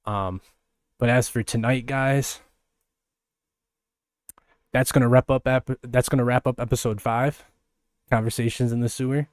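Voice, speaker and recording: A man's voice: mid-range voice, fairly even intonation, unhurried, long pauses, clear, resonant tone, no echo, studio quality. A man hosting a podcast, talking in a loose, rambling way with many fillers and restarts. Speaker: podcast host. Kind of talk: casual podcast monologue.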